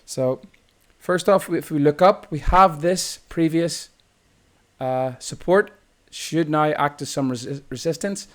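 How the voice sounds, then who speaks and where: A man's voice: a little high, slow pace. A man with an Irish accent, walking through a chart tutorial as a trading instructor in a loose, explanatory way, often correcting himself mid-sentence. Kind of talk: screen-recorded chart tutorial.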